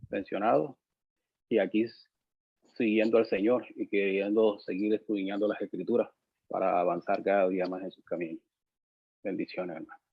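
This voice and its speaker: A man's voice: on the low side, gravelly, dry recording, highs cut off. An older man from Colombia, introducing himself to an online class in a devout, blessing-filled way. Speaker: student.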